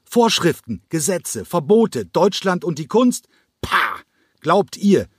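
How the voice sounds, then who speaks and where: A man reading an audiobook and voicing a hot-tempered male ballet choreographer who yells in fury. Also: animated, moderate pace, breathy edge, dry recording, studio quality. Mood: raging. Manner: yelling in fury, rising high. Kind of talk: audiobook character voice.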